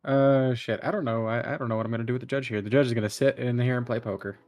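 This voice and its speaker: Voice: mid-range voice, steady tone, very fast, a little mellow, a little hiss or hum. A tabletop game player who does character voices, chatting in a laid-back, joking, rambling way. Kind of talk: casual chat between game sessions.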